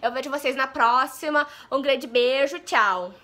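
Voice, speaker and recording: A Brazilian woman vlogging in her bedroom, chatting to her viewers quickly and excitedly. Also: high-pitched. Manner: fast-talking, chatty and excitable. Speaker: YouTuber. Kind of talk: casual chat to camera.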